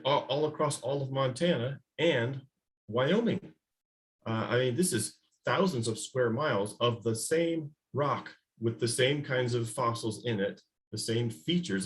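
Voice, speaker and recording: Male guest scientist, slide talk over a video call mic; hesitant delivery, frequent ums and restarts. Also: mid-range voice. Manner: halting, many fillers and restarts. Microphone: video call microphone.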